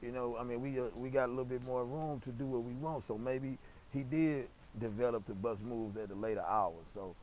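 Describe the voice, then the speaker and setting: A man's voice: medium pitch, steady tone, a little fast, a little mellow, slight background noise, poor audio. A young man telling a casual story, rambling and slangy, with lots of swearing and stammered restarts.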